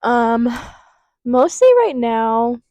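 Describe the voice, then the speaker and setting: A young woman in her twenties, a vlogger with a cold and a blocked nose, chats casually to camera from a vape shop counter, rambling through fillers and tangents. Her fairly high voice is mellow and very animated, though she speaks extremely slowly, and there's no room sound.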